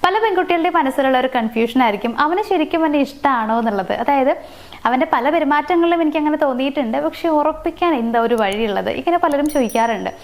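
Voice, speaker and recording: A woman's voice: high voice, animated, quick pace. A woman talking casually to her viewers, explaining relationship signs point by point, with fillers and restarts along the way. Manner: explains in numbered points with fillers and self-corrections. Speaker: relationship advice host. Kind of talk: casual advice talk to camera.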